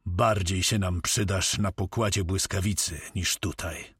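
A man's voice: low voice, fairly even intonation, measured pace, slightly rough, no room sound, clean studio sound, exaggerated voice. A man voicing a grim pirate captain who gives firm commands. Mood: commanding.

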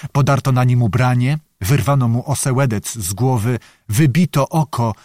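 A man reading a historical novel aloud as an audiobook narrator, in a measured, dramatic storytelling manner. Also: medium pitch, darkish tone, dry recording, clean studio sound.

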